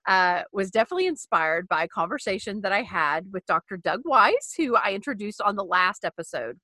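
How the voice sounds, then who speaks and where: Lively, bright-voiced podcast hostess. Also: female voice, mid-range voice, brisk, dry recording. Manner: laughs often, animated and playful. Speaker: podcast host. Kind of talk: casual podcast chat.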